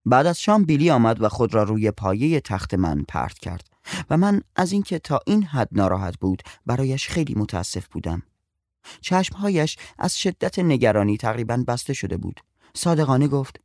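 A man narrating a story in an expressive, storytelling manner. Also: medium pitch, no room sound, studio quality.

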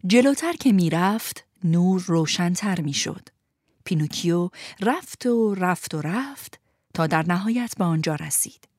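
Woman gently reading a storybook aloud. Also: on the low side, no room sound, clean studio sound. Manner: gentle, expressive, speaks to young listeners. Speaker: narrator.

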